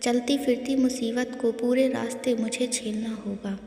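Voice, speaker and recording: A woman's voice: fairly high pitch, fairly even intonation, a little slow, mellow. A woman voicing a teasing, stubborn young man who grumbles wryly, in an echoey room. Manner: grumbling, wry. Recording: echoey room with long reverb.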